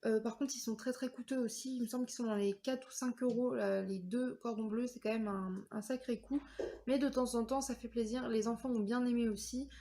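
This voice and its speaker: A woman's voice: a little high, fairly even intonation, fairly quick, mellow, slight background noise. A woman in her thirties from France, chatting casually through a product review vlog with many fillers and hesitations. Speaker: vlogger.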